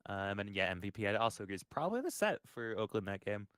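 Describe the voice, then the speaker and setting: Guy casting esports, talks fast, kinda low, dead dry sound. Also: very animated, fairly bright tone, clean tone, no echo. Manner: quick play-by-play, analytical. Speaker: esports caster. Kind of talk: live esports commentary.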